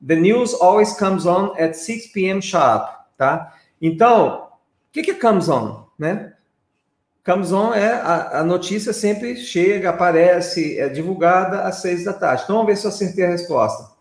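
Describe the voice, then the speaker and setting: Man, high voice, talkative tutorial teacher, echoey room recording. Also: lively intonation, measured pace. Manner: chatty, explains step by step with frequent checks like "tá?". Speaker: English teacher. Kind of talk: screen-share software tutorial.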